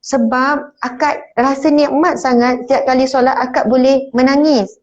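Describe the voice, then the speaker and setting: A woman's voice: high-pitched, steady tone, normal speed, lightly acted. Woman quoting a poor young village mother, humble, earnest, grateful, muffled lo-fi sound. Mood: devout.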